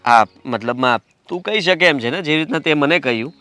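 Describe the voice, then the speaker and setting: A man's voice: fairly high pitch, animated, brisk, sharp tone, no echo. An actor playing a nervous young man who is afraid of his elder brother and speaks in a hesitant, pleading way to his girlfriend. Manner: hesitant, pleading, then rambling. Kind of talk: film dialogue.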